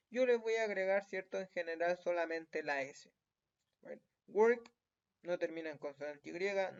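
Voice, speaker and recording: A man with a Chilean accent teaching a recorded lesson, patient and checking in with the listener after almost every point. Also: a little high. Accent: Chilean Spanish. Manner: patient, checks in often with tag questions. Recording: dull lo-fi recording.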